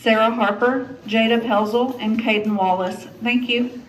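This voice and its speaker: A woman's voice: a little high, fairly even intonation, a little slow. A woman from the school office making a polite, formal announcement over the school intercom, reading out names. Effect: heard over a school intercom loudspeaker. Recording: echoey intercom speaker in a noisy classroom.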